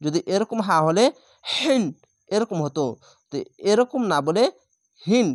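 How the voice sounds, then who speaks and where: A woman teaching Quran reading in a step-by-step lesson. She spells out each letter, then draws out the recited word slowly. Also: medium pitch, animated, no room sound, studio quality. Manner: stresses throaty sounds by repeating them.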